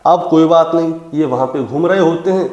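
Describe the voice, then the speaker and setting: A man with a slightly high voice tells a true crime story, leaning on the drama and speaking to his listeners as friends. The sound rings in a roomy, echoing space. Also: a little fast, a little mellow, muffled recording. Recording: roomy echo.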